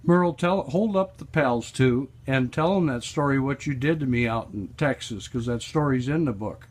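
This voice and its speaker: A man speaks up from off camera, away from the microphone. He calls out prompts to the speaker, and his voice sits at a plain middle pitch. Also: normal speed.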